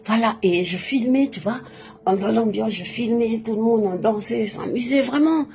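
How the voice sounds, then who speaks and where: A woman with a fairly high, darkish voice and some vocal fry speaks at a normal pace, live to her viewers as a stream host. French isn't her first language. She tells personal stories in a casual, emphatic monologue, repeating herself and dropping the same filler between phrases.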